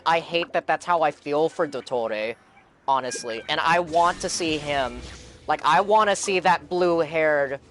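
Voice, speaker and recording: Chatting casually on a live stream as he reacts to a game, a young man with a slightly high, somewhat bright voice rambles with earnest fan enthusiasm and repeats his phrases. Game music plays in the background.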